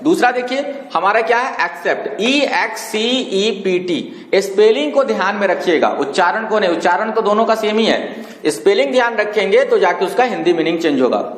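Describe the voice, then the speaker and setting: High-voiced male teacher in an echoey room. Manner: keeps checking understanding with "clear?" and "okay?"; spells words letter by letter and reads example sentences slowly. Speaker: English teacher. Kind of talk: classroom-style lesson explaining homophones. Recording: echoey room with long reverb.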